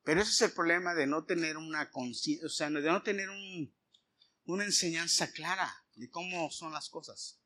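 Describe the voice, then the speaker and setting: Speaking at a moderate pace in a slightly high voice, a middle-aged preacher delivers a sermon built around a personal story. He narrates it in a lively way and performs the dialogue himself.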